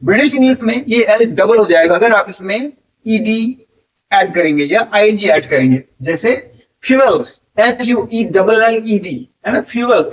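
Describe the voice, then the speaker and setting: A man's voice: high-pitched, normal speed. A man teaching as an English tutor, patiently explaining spelling rules step by step and spelling words out letter by letter. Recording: voice a bit distant from the mic.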